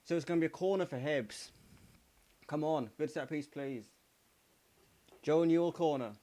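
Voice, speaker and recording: A man's voice: on the high side, moderate pace, mellow. Man streaming match commentary. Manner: partisan, addresses chat as "mate" and "pal", urges his team on. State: slightly croaky from coughing. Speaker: fan streamer doing a live watchalong. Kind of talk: casual live match commentary.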